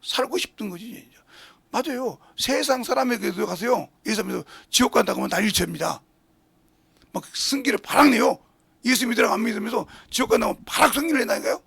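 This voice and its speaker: Gravelly fervent Korean pastor preaching. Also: male voice, extremely high pitch, lively intonation, quick pace, no echo. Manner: fervent, swings from shouts to hushed whispers. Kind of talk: sermon with retold dialogue. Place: church sanctuary.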